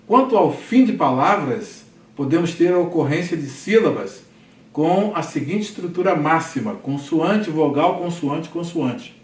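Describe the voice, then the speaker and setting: A male teacher with a Brazilian Portuguese accent gives a classroom lecture, his voice a little high and expressive. He's patient, repeating terms slowly and often asking "tá?". The recording is echoey, captured from a distance in the classroom.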